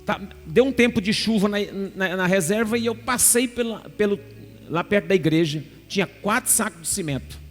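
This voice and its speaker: A man preaching a sermon as pastor, telling a personal testimony in an animated way and acting out the dialogue. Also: high voice, moderate pace. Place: large church sanctuary. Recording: music under a long church reverb.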